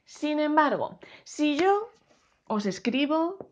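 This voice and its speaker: Lively Spanish woman teaching a class. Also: sits high. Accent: Spain Spanish. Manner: slow, clear teacher talk, spelling out syllables. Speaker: educator. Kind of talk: explaining a lesson to students.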